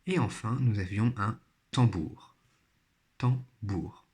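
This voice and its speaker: Man, primary teacher, slow patient delivery, careful syllable-by-syllable articulation, mid-pitched voice. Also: lively intonation, a little mellow. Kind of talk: recorded remote phonics lesson.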